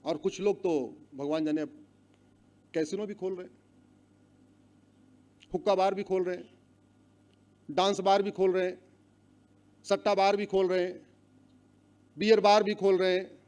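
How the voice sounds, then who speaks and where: High-pitched man rousing a crowd. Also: fairly even intonation, unhurried, long pauses, smooth. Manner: rousing, chants long lists loudly and asks the crowd to repeat. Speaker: public speaker. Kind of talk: public speech to a live audience. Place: hall with an audience.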